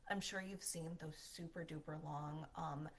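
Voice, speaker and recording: A woman's voice: low-pitched, fairly even intonation, moderate pace. A woman giving a marketing lesson as a voiceover, upbeat and conversational, with a smile in her voice. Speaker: marketing instructor.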